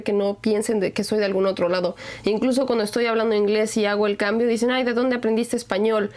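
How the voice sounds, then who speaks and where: A woman's voice: mid-range voice, a little mellow. A young adult woman from Mexico, hosting a podcast and chatting reflectively in a neutral Mexican accent, with many fillers. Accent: neutral Mexican Spanish. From Mexico (Aguascalientes). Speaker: podcast host. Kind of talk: casual conversation.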